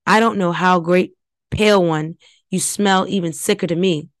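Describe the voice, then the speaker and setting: A spiteful beast-woman taunts in a mocking voice, done by a woman narrator. The voice sits lowish and cutting. The sound is dry and close. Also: steady tone, moderate pace, no echo, close to an everyday voice. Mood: taunting. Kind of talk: audiobook reading.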